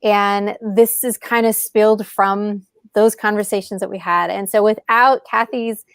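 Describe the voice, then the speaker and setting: A woman's voice: mid-range voice, steady tone, measured pace, creaky, clean tone, dry recording. A woman hosting a live-streamed podcast conference, welcoming viewers with enthusiasm and greeting them by name. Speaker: podcast host.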